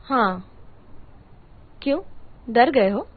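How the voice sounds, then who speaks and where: An actress playing a proud, easily flustered young female student in a dubbed drama, expressive and quick to protest. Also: on the high side, full character voice. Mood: teasing, curious. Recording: muffled phone-like sound, music behind.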